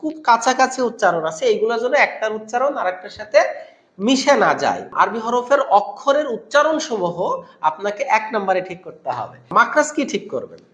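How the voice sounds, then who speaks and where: Man, Quran recitation teacher, high bright voice, demonstrates sounds, asks and answers himself, echoey room. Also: very animated, a little fast. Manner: explains by demonstrating sounds, asks and answers his own questions. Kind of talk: lesson on Arabic letter pronunciation.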